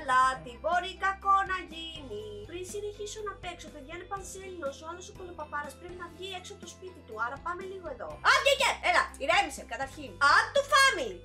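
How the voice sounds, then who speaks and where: Young woman gamer, super high squeaky voice, swears a lot, hyped playful chatter. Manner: excitable, playful and profane. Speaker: gaming YouTuber. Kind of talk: casual gameplay commentary.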